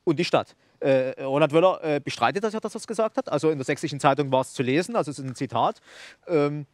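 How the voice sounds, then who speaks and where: A man's voice: fairly high pitch, fast, a little mellow, dry recording, studio quality. A man hosting a talk show, commenting on news and leading into the next topic with some fillers.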